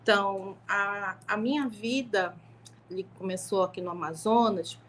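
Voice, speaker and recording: A woman's voice: medium pitch, moderate pace, fairly bright tone, a little hiss or hum. Middle-aged carioca woman streaming live. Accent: Rio de Janeiro (carioca), softened by years in Manaus. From Rio de Janeiro, Brazil. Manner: conversational, many fillers and restarts. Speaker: law professor and researcher. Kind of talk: live-stream talk, personal testimony. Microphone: home live stream.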